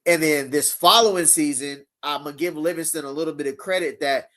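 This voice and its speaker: A man's voice: on the high side, fairly quick, fairly bright tone. A man hosting a live fan show in a casual, laid-back way, using slang and reading chat comments aloud. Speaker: show host.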